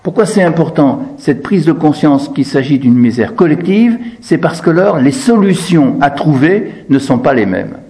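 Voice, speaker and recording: Speaking as a lecturer, a man gives a didactic explanatory talk commenting on quoted text, posing questions and answering them while repeating key phrases for emphasis. His voice is on the high side, expressive and dark, moving at a moderate pace with hardly any pauses.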